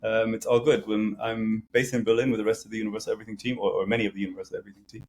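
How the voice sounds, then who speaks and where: A man's voice: fairly low pitch, little pitch movement, very fast, darkish tone, a little hiss or hum. A middle-aged man talking as an interview guest, casual and hesitant, with frequent fillers and restarts. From grew up in several countries.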